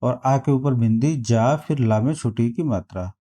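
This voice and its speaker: A man teaching a spelling lesson, reading out quiz options and repeating each word slowly to compare them. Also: medium pitch, mellow. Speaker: exam prep teacher.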